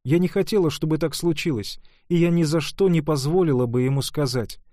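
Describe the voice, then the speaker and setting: A man voicing an earnest young woman in love, talking in an excited, pleading rush. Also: on the high side, a little fast, no echo, studio quality, pitched above the performer's own voice, close to an everyday voice.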